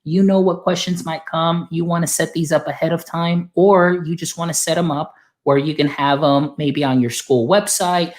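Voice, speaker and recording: A man from Texas, working as an instructional software specialist, walking teachers through a browser extension in a friendly, explanatory way. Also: on the high side, steady tone, moderate pace, few pauses. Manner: friendly, explanatory, filler-heavy. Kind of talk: software tutorial demo.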